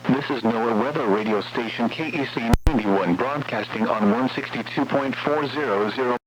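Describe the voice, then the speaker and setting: A synthetic American-accented male TTS voice of medium pitch reads formal weather warning bulletins over a radio broadcast, measured and impersonal. The audio is muffled, lo-fi radio with a faint hum.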